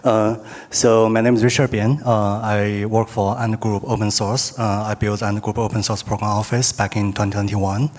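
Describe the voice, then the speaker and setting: A man from China introducing himself on a panel in relaxed, casual English with many fillers. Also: on the low side, moderate pace.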